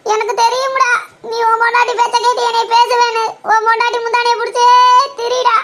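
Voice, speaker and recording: A young performer putting on a spiteful old mother-in-law, bossy and taunting, with a very high, bright voice. She jeers at her daughter-in-law and turns on a show of wailing when her son scolds her, in a homemade comedy skit. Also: completely flat delivery, brisk.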